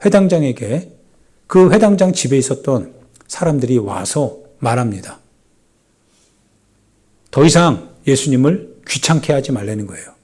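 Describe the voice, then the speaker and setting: Animated preaching man. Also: mid-range voice, moderate pace, pauses often, breathy edge. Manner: dramatic preaching, voicing doubters with rising intensity. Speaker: pastor. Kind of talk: sermon.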